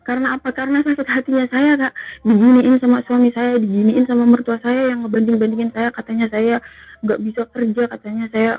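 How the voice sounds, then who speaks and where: A woman with a somewhat high, husky voice tells her story in an earnest, emotional way. The sound is narrow and tinny, like a phone line. She keeps calling the host "Kak.". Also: level tone, fairly quick. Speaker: caller sharing a personal story.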